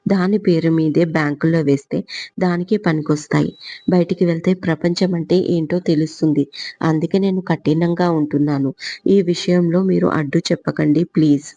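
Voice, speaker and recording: A woman voicing a bossy elder sister who scolds her younger sibling in firm, sharp commands, in a dull lo-fi recording. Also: deep voice.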